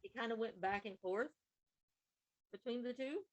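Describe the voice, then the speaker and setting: A woman's voice: a little high, normal speed, low-quality recording. A woman co-hosting a podcast, recapping wrestling matches in a casual, running play-by-play way. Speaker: podcast co-host.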